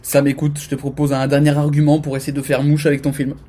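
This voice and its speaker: A man hosting a casual podcast, moderating the discussion in a relaxed, teasing way. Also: a little high, quick pace, slight background noise. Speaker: podcast host.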